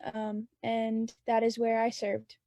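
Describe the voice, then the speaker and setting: A woman introducing herself calmly and carefully in an online presentation. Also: on the high side, takes it slowly, dry recording.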